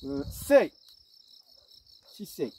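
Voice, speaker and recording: A male primary school teacher with a Moroccan accent gives a grammar lesson, speaking slowly and deliberately as he dictates, repeats himself, and hesitates with fillers. His voice is a little mellow. The mic is distant, and faint insect noise can be heard.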